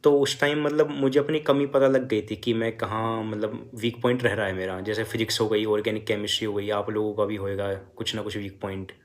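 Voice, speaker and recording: A man's voice: on the low side, flat delivery, brisk, hardly any pauses. A young man, a first-year medical student, telling his exam story and advising students in a casual, filler-heavy way. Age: young adult. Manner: conversational, many fillers, advising students directly. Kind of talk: casual motivational talk.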